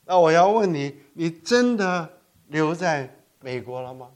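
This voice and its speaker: Older man preaching an animated sermon. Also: a little high, unhurried. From Korea. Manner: animated storytelling with frequent self-corrections and code-switching to English. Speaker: pastor.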